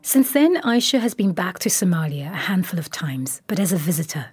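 Woman hosting a podcast, calm scripted narration, lowish voice, faint music behind. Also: a little fast, slightly rough, no room sound. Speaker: podcast host. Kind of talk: scripted narration and interview questions.

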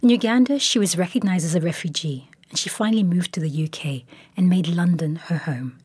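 A woman hosting a podcast, reading scripted narration in a measured, calm way. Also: on the low side, husky, no room sound. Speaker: podcast host. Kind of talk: scripted narration and interview questions.

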